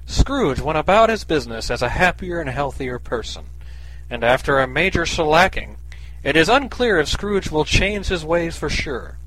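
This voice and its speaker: A man's voice: fairly high pitch, animated, normal speed, fairly bright tone. A man narrating a parody story in a sarcastic, mocking way.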